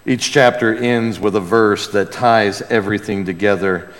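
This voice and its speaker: A man with a low-leaning voice and fairly even intonation preaches a little slowly, reading scripture with emphasis and reverence. The amplified live sermon takes place before a congregation in a large church hall, where the sound reverberates.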